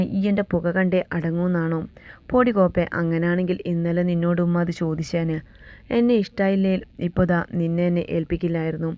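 A woman tells a romantic family drama as a steady scripted narration, handling every character's lines herself. Her voice sits low and sounds warm and soft-edged. Her reading stays even throughout. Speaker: storyteller. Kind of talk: scripted narration of a love story, reading all parts.

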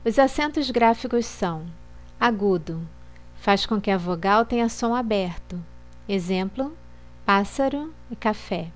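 Slow, measured woman teaching Portuguese. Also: mid-range voice, lively intonation. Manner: slow, measured, list-like reading. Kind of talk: scripted lesson narration.

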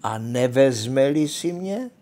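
An older man reading aloud and voicing a cheerful, foolish young peasant who hollers and sings out in high bursts. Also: animated, mellow, close to an everyday voice. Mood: eager.

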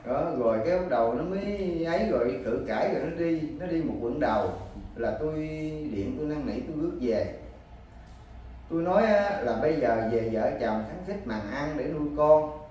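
A man with a southern Vietnamese Mekong Delta accent tells his story in halting, circling sentences. His voice sits a little high and is picked up from a distance. The recording is very echoey, with faint ambient noise behind. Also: animated, warm tone, dull audio. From Cà Mau, southern Vietnam. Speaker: husband searching for his missing wife. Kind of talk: personal account in an interview.

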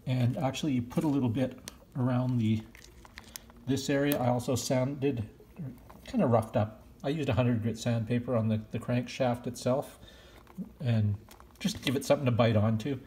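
In his indoor garage workshop, a home mechanic records on a handheld phone while he fixes a car, handling parts and rambling with lots of fillers. His mid-range voice is mellow yet smoke-scratchy, at a moderate pace.

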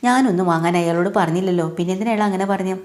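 A woman voicing a caring, cheerful young woman who gently scolds her elders. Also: lowish voice, rapid-fire, close to an everyday voice.

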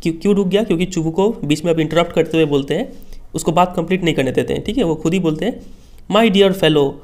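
A man's voice: fairly high pitch, very fast, darkish tone. A male teacher patiently explaining a school text line by line, often checking that students follow.

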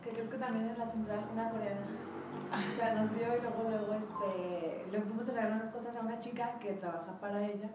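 A woman's voice: fairly high pitch, steady tone, a little fast, very noisy. A woman at a sales meeting, chatting and telling anecdotes to the group. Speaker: team member at the meeting. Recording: very echoey, from far off the mic.

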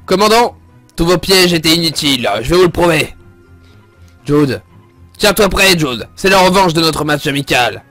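A proud, cocky young rival captain with a haughty, confident tone, as a man reads him out in a game. The voice sits slightly high, with faint music behind it. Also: lively intonation, normal speed, a bit bright.

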